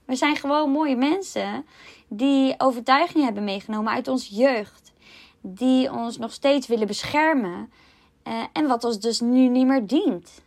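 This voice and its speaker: A woman, a life coach explaining ideas calmly in a solo podcast, with self-mocking asides. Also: high voice, unhurried.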